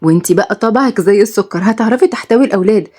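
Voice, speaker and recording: A woman with an Egyptian accent voicing a loyal, brisk young best friend who scolds and reassures. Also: mid-range voice, mellow, breathy edge, close to an everyday voice. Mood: scolding.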